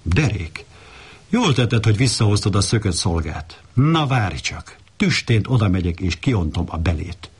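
A man voicing a bossy, blustering male donkey in a read-aloud fable, with a husky voice and a scolding manner. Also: fairly low pitch, very animated, full character voice. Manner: scolding, boastful.

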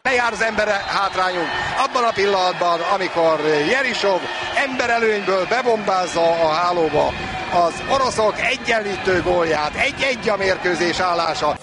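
A man giving excited live sports commentary on the radio. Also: high-pitched. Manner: excited, drawn-out shouts on goals. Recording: noisy outdoor venue broadcast.

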